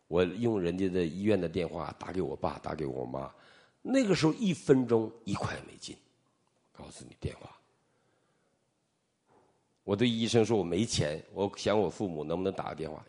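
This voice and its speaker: A middle-aged man from Northeast China, a preacher telling his testimony in a sermon and acting out the dialogue as he goes. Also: low voice. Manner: animated storytelling, acting out dialogue.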